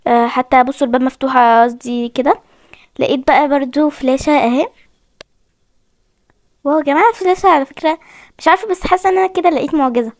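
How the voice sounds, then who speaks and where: A woman's voice: sits high, fast, pauses often, no echo, clean studio sound. A young woman with an Egyptian accent, chatting to viewers as she plays a horror game and keeps saying how scared she is. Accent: Egyptian Arabic. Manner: chatty, talks to viewers while playing, often frightened. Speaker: gaming video host. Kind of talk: casual game commentary.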